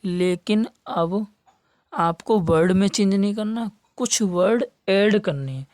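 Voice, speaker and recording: Mellow-voiced male teacher spelling words out. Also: high-pitched, no room sound. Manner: spells words letter by letter and repeats key terms; stretches words slowly for emphasis. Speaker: English teacher for competitive exams. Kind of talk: classroom lesson.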